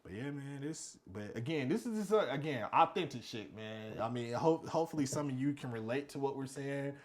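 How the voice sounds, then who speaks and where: A man's voice: mid-range voice, lively intonation, fairly quick. A man in his thirties from the United States, co-hosting a podcast in casual chat, rambling and cursing, with frequent restarts and fillers. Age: 30s. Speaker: podcast co-host.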